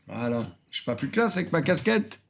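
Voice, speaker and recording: Host reacting to cooking clips, slightly high gravelly voice, dry sarcasm, mutters asides under his breath. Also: sing-song, fairly quick, slight background noise. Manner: sarcastic, self-mocking, trails off into quiet muttered asides. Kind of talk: casual reaction commentary.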